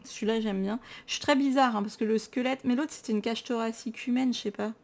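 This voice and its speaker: A woman's voice: a little high, steady tone, fast, a little mellow. Chatty tired French woman vlogging. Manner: chatty and enthusiastic, self-mocking. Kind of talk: casual chat, showing books.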